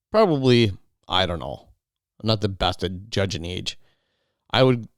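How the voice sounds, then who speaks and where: A podcast host recounts an outdoor survival story casually and ramblingly, often restarting and repeating words and quoting others in his own voice. His voice is lowish, clear and resonant, recorded at studio quality with no room sound.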